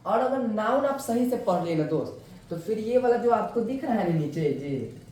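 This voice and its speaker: A man's voice: sits high, expressive, moderate pace, a little mellow. A man teaching an English lesson, who keeps checking in with his students and asks and answers his own questions. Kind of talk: classroom lesson explaining grammar. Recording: very echoey room.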